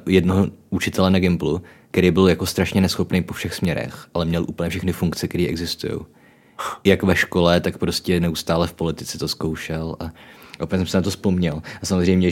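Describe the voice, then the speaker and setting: A man's voice: deep voice, flat delivery, a little mellow. A young man from the Czech Republic co-hosting a casual book chat, musing aloud with jokey asides. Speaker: podcast co-host.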